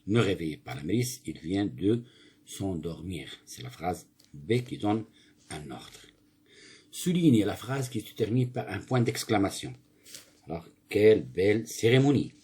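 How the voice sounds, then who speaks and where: A man's voice: deep voice, sing-song, unhurried, dark tone, breathy edge. A male teacher going through a grammar exercise, asking questions and answering them himself. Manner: asks questions then answers them himself, corrects slips. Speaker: primary school teacher. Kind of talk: grammar lesson, reading and explaining exercises.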